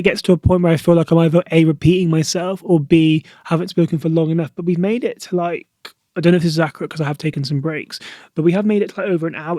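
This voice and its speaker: A young British man hosts a solo podcast, chatting casually to camera in a voice on the high side. He's opinionated and talkative, filling his speech with lots of "like." The recording is studio quality with no room sound.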